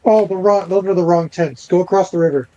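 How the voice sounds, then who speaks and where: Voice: medium pitch, fairly quick, dark tone, highs cut off. Speaker giving game directions in voice chat. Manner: directive, talks through directions with many fillers. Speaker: co-op gaming partner guiding a teammate. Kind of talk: casual gaming voice chat.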